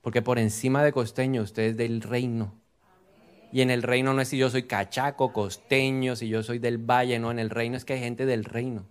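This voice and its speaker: A middle-aged man, preaching a lively sermon full of rhetorical questions. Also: mid-range voice, normal speed, clean tone. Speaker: pastor.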